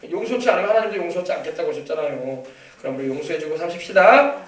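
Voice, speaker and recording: A man's voice: fairly high pitch, expressive, fast. A male pastor preaching a sermon, exhorting his congregation and prompting them to answer, often repeating phrases for emphasis. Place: church sanctuary. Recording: echoey church hall from far off.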